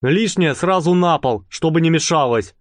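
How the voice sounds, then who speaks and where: Man voicing a male gang leader, pompous, hot-tempered, bossy, raised pitch, dry audiobook sound. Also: moderate pace, dry recording, lightly acted. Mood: irritated. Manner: speechifying then snapping. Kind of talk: audiobook character voice.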